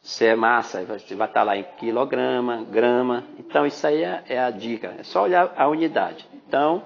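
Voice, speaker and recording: Brazilian male biology teacher, gravelly voice, chatty podcast lesson, dull phone-app recording. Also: mid-range voice, normal speed. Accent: Brazilian Portuguese. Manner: chatty, addresses listeners as "galerinha", frequent "né?". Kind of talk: podcast exam-prep lesson.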